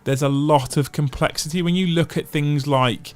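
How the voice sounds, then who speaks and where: With soft music in the background, a man with a fairly high, steady voice hosts a casual livestream at a normal speed. He chats and reads viewer comments, thinking aloud in long runs full of restarts and repeated phrases.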